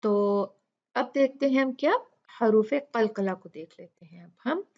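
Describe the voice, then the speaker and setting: Woman, tajweed teacher, patient step-by-step explaining, slow pace, slightly muffled recording. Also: a little high. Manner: patient, explains step by step and repeats examples slowly. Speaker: Quran recitation teacher. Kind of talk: tajweed tutorial with recited examples.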